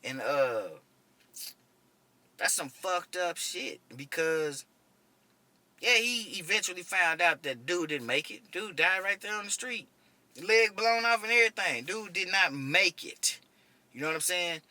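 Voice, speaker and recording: Guy in his 30s telling army medic stories, swears a lot, really bright edgy voice. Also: high-pitched, expressive, a little slow, no echo. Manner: profane, conversational, keeps asking "you know what I'm saying". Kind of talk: casual first-person storytelling.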